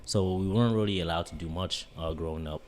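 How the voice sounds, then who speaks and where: A man in his twenties from Cameroon, a guest on a podcast telling stories in lively casual talk. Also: deep voice, fast. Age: 20s. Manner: animated storytelling, lots of "you know". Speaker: guest, bodybuilding coach. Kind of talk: casual interview chat.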